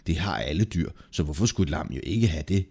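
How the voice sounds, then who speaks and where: A man voicing a patient, quietly stern old male apostle, speaking slowly and in a low, measured way in a folk tale. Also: lively intonation, gravelly, slightly rough, full character voice. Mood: calm.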